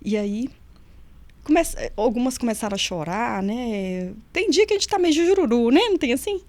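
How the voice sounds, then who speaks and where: A middle-aged woman tells her memories as an interview guest, in a fairly high voice. She is a vivid storyteller who acts out the people she quotes. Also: lively intonation, normal speed, a little mellow, no room sound. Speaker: nutritionist and former prison officer, guest.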